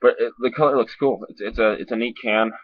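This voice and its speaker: A man talking with a lip full of dip, giving a casual, rambling, sweary and halting review to camera. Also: medium pitch, steady tone. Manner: sweary, informal, halting and repetitive. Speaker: dip reviewer on a video channel. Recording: dull lo-fi sound.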